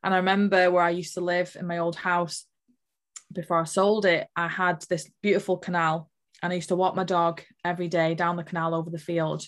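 A woman's voice: on the low side, little pitch movement, a little fast. A woman earnestly telling a personal spiritual story as an interview guest, emotional and full of fillers.

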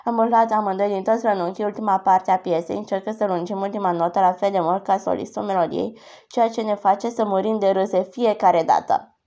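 A woman narrating a novel aloud in a calm, even storytelling manner. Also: mid-range voice, lo-fi sound. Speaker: audiobook narrator.

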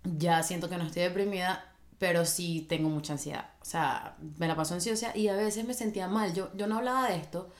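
A woman's voice: lowish voice, fairly quick. A young woman, co-hosting a casual chat and speaking candidly while acting out the voices she quotes.

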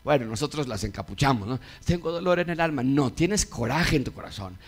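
A middle-aged man preaching a sermon, moving between loud emphatic peaks and quiet low asides, and acting out the quoted voices of his listeners. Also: expressive, a little fast. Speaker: pastor.

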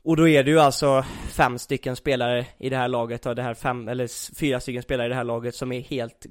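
A man's voice: mid-range voice, dry recording, clean studio sound. A young man in casual chat, animatedly retelling an anime with lots of fillers. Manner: animated, many fillers like "liksom".

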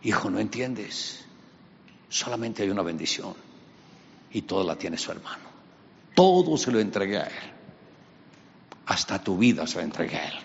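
A man voicing a frail, weary old blind father who speaks softly and slowly. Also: low-pitched, big pitch swings, gravelly, lo-fi sound, slight background noise, heavily acted. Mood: sorrowful. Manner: soft, hushed, slow.

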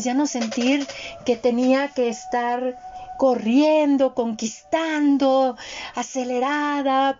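A woman's voice: fairly high pitch, dark tone, a little hiss or hum. A woman in her forties talking reflectively and earnestly, addressing her listeners directly in a motivational way. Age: 40s. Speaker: co-host. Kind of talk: reflective conversational talk. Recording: dull lo-fi sound.

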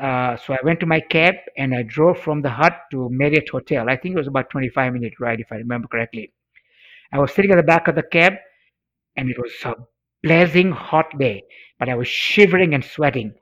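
In an interview, a middle-aged man from Tanzania whose first language is Swahili shares a personal story with earnest emphasis, echoing phrases to drive points home. He has a mid-range, slightly bright voice, and the recording is dull and lo-fi.

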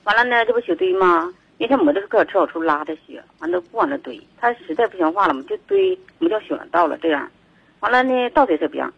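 A man rushes through his complaint in a high, swooping voice. He talks in a rambling, agitated way with a rough, husky edge. He comes through a dull, muffled phone line. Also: wildly swooping pitch, dry recording. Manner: rambling, agitated, repeats himself. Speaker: caller. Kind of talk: phone call to radio show.

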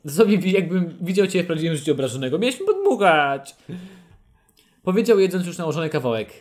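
A man's voice: fairly high pitch, rapid-fire, a little mellow. A young man hosting a podcast, reading a fan story aloud with playful, mock-dramatic quotes and frequent laughter. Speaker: podcast host.

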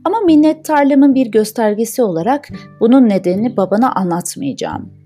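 A woman voicing a sly, cowardly young prince in a fairy tale, speaking in a smooth, offhand way. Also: on the high side, animated, brisk, mellow, faint music behind. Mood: cool.

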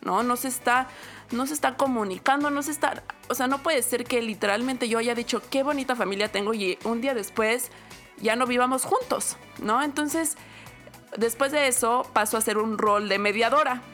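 A young Mexican woman with a Mexican Spanish accent and a higher-pitched voice shares a personal story at a moderate pace in a laid-back podcast conversation. She tells it with animation, acting out the quotes, while soft music plays in the background.

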